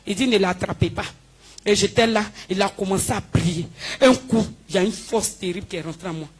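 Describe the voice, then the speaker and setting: A woman giving a spoken healing testimony in church, telling her story with lively, acted-out dialogue. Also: mid-range voice, a little fast, husky. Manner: animated storytelling, acting out dialogue with the pastor. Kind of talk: spoken testimony before a congregation.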